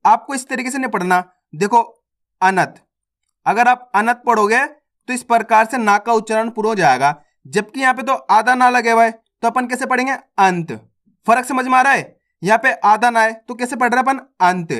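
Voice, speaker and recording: A man's voice: very high-pitched, a little fast, fairly bright tone. A man teaching reading, patiently drilling words one by one, saying each aloud, asking how it is read, and showing the wrong way to say it. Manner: addresses viewers as friends, casual classroom tone. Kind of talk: online reading lesson, word drills.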